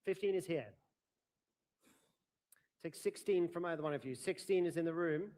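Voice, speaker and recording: A man's voice: fairly high pitch, moderate pace, dark tone. A man working as an auctioneer, formally and courteously announcing lots and calling out bids at a live sale.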